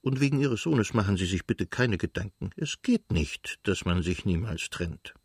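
A man's voice: lowish voice, animated, moderate pace, a little mellow, husky, no room sound, studio quality. A man voicing an elderly aristocratic countess, a doting and chatty mother, in a literary audiobook.

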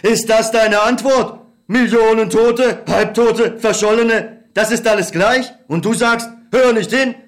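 An exhausted young soldier home from war talks in a tired, bitter, resigned way, played by a man in a radio play. His voice sits rather high for a man. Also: measured pace. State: exhausted and hungry. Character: weary, bitter young male war returnee.

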